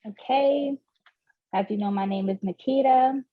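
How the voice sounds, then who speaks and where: A woman from Guyana speaks slowly and hesitantly as a guest on a casual chat, filling her pauses with ums and nervous giggles. The recording sounds dull and lo-fi. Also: high voice.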